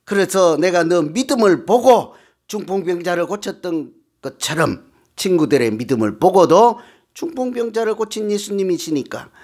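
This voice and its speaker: A man voicing Jesus in a gentle, reassuring way within a sermon. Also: high voice, expressive, moderate pace. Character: kindly imagined Jesus speaking to a sick man.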